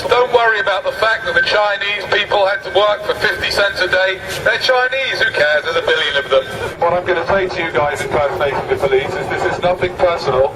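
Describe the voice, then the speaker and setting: A man with a high voice making mock-polite announcements through a megaphone. It booms and rings out from a distance. Steady street noise sits under it. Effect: speaking through a megaphone. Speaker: street activist. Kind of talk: ironic public announcements. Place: busy city street outdoors.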